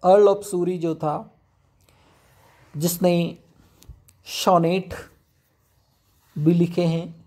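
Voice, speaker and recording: Slow-spoken male English teacher. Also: high voice, fairly even intonation, dark tone. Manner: explains step by step, reads English definitions slowly. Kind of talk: classroom lecture.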